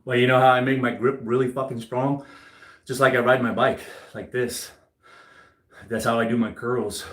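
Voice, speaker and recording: A man talking casually while he works out at home, cursing often and boasting bluntly. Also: medium pitch. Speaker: fitness livestreamer. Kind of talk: casual workout chat. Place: home gym. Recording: roomy echo.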